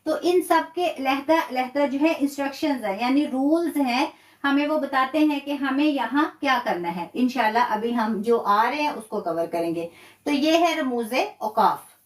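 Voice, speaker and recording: Woman teacher, high voice, slow and patient, echoey room away from the mic. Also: lively intonation, distant mic. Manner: slow, patient explaining with repetition. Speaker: Quran tajweed teacher. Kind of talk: live online lesson.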